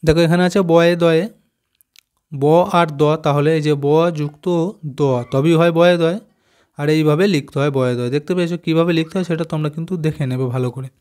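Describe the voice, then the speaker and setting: A slightly higher-pitched man teaches young pupils, breaking each word into its letters with patient, careful stress. He pauses to quiz them and then gives the answer himself. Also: steady tone, a little mellow. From West Bengal, India. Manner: slow, careful spelling out of letters, asks pupils questions. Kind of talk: explaining a primary school textbook.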